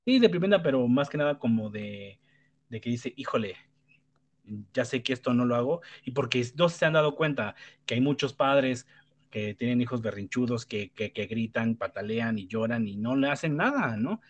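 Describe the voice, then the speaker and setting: A man's voice: mid-range voice, animated, moderate pace. Blunt Mexican man rambling in a chat. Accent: Mexican Spanish. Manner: rambling, many restarts and tag questions; blunt, swears freely. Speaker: panelist. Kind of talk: casual debate chat.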